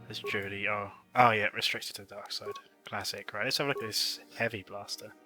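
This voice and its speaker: A man's voice: fairly low pitch, steady tone, brisk, pushed and bright, faint music behind. A man giving casual, easygoing playthrough commentary on a video game, muttering asides as he goes. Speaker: gaming video host.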